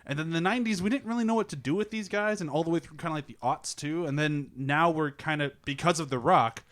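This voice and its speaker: A man's voice: on the high side, quick pace, a bit bright. A man hosting a casual movie podcast, rambling with lots of filler words as he talks. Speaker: podcast host.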